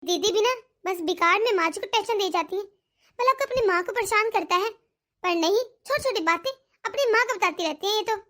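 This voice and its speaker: A woman's voice: extremely high pitch, fairly quick, a bit bright. A woman voicing a sensible young daughter-in-law in a cartoon, polite and reassuring. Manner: polite, reassuring, level-headed. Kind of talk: cartoon dialogue.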